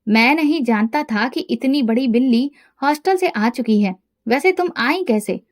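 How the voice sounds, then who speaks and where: A woman's voice: high voice, normal speed. A woman voicing a young man, an easygoing elder brother who teases his sister. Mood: teasing. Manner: teasing, calm.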